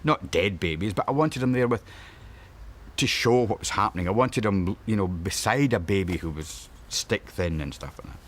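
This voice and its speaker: A man's voice: on the low side, expressive, normal speed. A man recalling events in an interview, blunt and profane, telling it with animation. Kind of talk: interview recollection.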